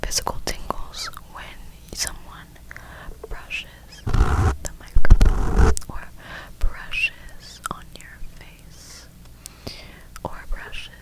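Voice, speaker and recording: Young woman whispering a rambling ASMR chat. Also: drawn-out words. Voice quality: breathy unvoiced whisper. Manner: rambling, casual, slangy. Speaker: ASMR creator.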